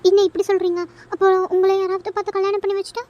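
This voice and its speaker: A woman voicing a shy, anxious young village woman in love in a cartoon, speaking softly and hesitantly. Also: very high-pitched, level tone, very fast, no echo, highs cut off. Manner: soft, hesitant, worried. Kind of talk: cartoon voice acting.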